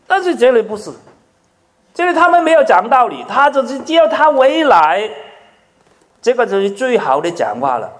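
A man preaching a sermon in an animated way. He swings between loud emphasis and hushed asides, asks his listeners many questions, and drops English words into his speech. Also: very high voice, normal speed. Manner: asks the audience frequent rhetorical questions. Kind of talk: sermon to a congregation.

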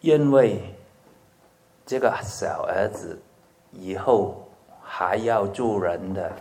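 A man preaching a sermon in an animated way. He swings between loud emphasis and hushed asides, asks his listeners many questions, and drops English words into his speech. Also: sits low, slow, gravelly. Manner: asks the audience frequent rhetorical questions. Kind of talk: sermon to a congregation.

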